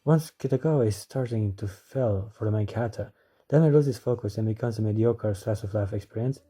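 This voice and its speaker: A man's voice: fairly low pitch, brisk, mellow, breathy edge. A man narrating a scripted review as an anime reviewer.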